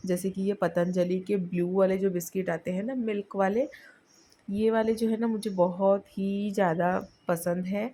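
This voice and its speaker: A woman's voice: medium pitch, mellow, a little hiss or hum. A young woman from India narrating her personal vlog casually, chatty and full of fillers and Hinglish asides. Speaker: vlogger.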